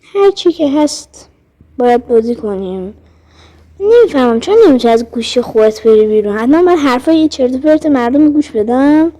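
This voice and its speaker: A gaming vlogger with a high, warm voice and lively intonation chats casually while playing an online game. She thinks aloud and talks directly to her viewers.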